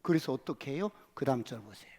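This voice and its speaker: A male pastor preaching a sermon, telling the story vividly, sometimes shouting the crowd's cries and whispering inner thoughts. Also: medium pitch, expressive, quick pace, breathy edge, in a large hall.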